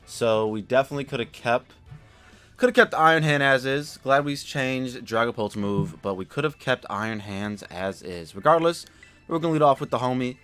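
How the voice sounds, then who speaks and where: A man giving casual, chatty commentary over his own Pokemon battle from a room at home, relaxed and drowsy after a nap, with lots of fillers and sudden loud excited outbursts. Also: mid-range voice, normal speed, clear, resonant tone, no room sound, soft background music.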